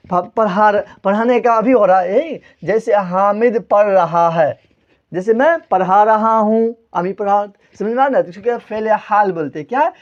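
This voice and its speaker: A man's voice: high voice, lo-fi sound. A man teaching a grammar lesson at a board, who keeps asking the class questions, answers them himself and spells words out letter by letter. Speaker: Urdu teacher.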